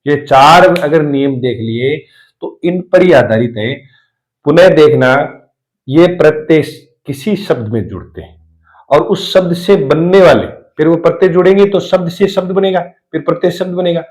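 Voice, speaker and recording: Male teacher, fairly high voice, repetitive step-by-step lesson delivery. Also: moderate pace, darkish tone, low-quality recording. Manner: repeats rules and asks rhetorical questions. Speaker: Hindi lecturer teaching spelling rules. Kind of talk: classroom lesson explanation.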